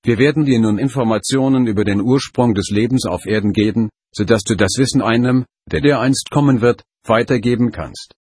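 A man voicing a calm, commanding, otherworldly being who speaks with measured authority. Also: medium pitch, breathy edge, dry recording, studio quality, close to an everyday voice. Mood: solemn.

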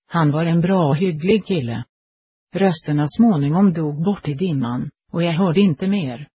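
A man reads a first-person story aloud in an even, steady way. His voice is dark and mellow, with a breathy, husky grain. The sound is close and dry. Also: on the high side, no room sound. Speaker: narrator. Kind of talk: scripted story narration.

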